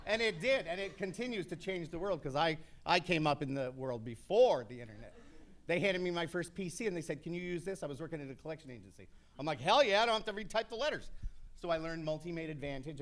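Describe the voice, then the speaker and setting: A brash man in his fifties holds forth on a panel, animated and full of comic asides. His voice sits a little high for a man. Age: 50s. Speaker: actor on a panel. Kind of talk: panel talk to an audience.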